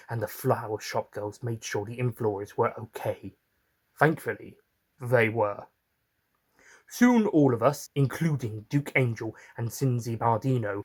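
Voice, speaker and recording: Slightly rough and mid-range, a man's voice tells a first-person story theatrically and in character. He is the writer and narrator, reading in character and turning aside now and then to chat with the listeners.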